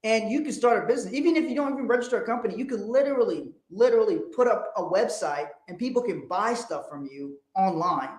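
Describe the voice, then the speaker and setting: A Liberian man, a financial adviser, hosts a casual livestream on money and business, speaking emphatically, repeating phrases and swearing bluntly. His high, expressive voice rushes along with hardly any pauses, in an echoey room.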